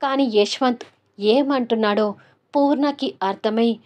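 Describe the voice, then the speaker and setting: A woman's voice: a little high, unhurried, darkish tone. A woman narrating a dramatic family audio serial in a scripted storytelling style.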